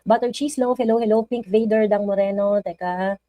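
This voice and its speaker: A woman's voice: medium pitch, fairly even intonation, normal speed, no echo, muffled recording. A woman with a Filipino accent hosting a casual live stream, chatting and reading viewer comments aloud.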